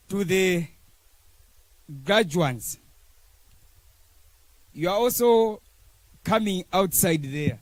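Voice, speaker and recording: A speaker with a Malawian accent delivering a formal speech as an alumni representative, in short measured phrases. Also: mid-range voice, no echo, rough recording.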